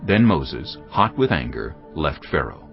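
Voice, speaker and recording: Deep, gravelly male narrator. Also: big pitch swings, unhurried, dull audio, faint music behind. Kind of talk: scripted dramatic Bible narration.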